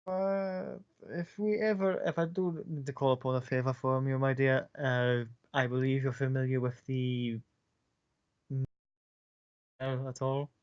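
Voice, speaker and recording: A man's voice: mid-range voice, flat delivery, measured pace, clean tone, close to an everyday voice. A man voicing a sly older male fixer who trades favours, theatrical and courtly, calling people "my dear". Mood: scheming. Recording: muffled lo-fi recording.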